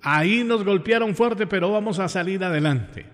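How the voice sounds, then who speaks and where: A high-sitting man's voice at normal speed trails off in a long reverb. He's a radio host from Pereira, Colombia, speaking with a Colombian accent, casual and effusively affectionate toward listeners, repeating phrases for emphasis.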